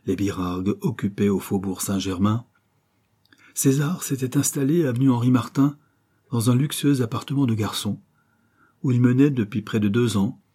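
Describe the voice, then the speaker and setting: Low, husky male audiobook narrator. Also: mellow. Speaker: audiobook reader. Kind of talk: scripted narration of a classic novel.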